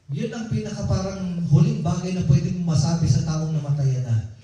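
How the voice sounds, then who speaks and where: A man's voice: high-pitched, normal speed, mellow. A man preaching a sermon in a personal, conversational storytelling way, heard in a church hall. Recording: very echoey hall, voice from far off.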